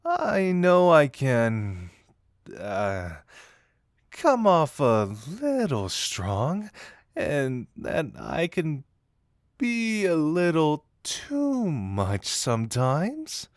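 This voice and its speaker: A man's voice: on the high side, huge pitch swings, drawn-out words, dry recording, clean studio sound, exaggerated voice. Dazai, a man acting a playful, flirty secret admirer. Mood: shy, earnest. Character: flirty, self-deprecating detective confessing shyly as secret admirer. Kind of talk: romantic audio roleplay.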